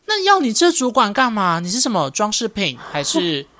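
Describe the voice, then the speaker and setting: A woman in her twenties with a Taiwanese Mandarin accent, co-hosting a casual podcast and telling a story in a blunt, animated way with some swearing. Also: mid-range voice, moderate pace, dry recording, studio quality. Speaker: podcast co-host. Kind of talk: casual chat.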